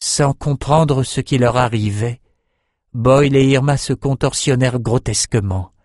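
A man narrating a dark fantasy novel in a steady, even reading voice. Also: medium pitch, unhurried, no room sound, studio quality. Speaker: audiobook narrator.

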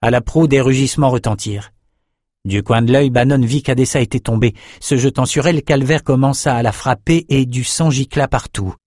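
A man narrating a fantasy audiobook in a steady, measured reading. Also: medium pitch, no echo, studio quality.

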